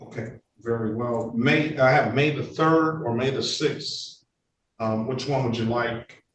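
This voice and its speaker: A man's voice: mid-range voice, a little slow. A male judge presiding over a court hearing, talking in a procedural way with frequent uh and um fillers, heard on a courtroom recording. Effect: courtroom recording from a distant room mic. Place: courtroom or judge's meeting room, indoors. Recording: echoey room, distant mic, faint noise.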